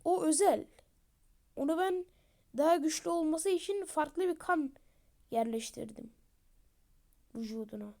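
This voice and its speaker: A woman's voice: high voice, unhurried, gravelly, long pauses, mellow, pitched above the performer's own voice. A woman voicing a smug, scheming male commander who explains his plans in a game story.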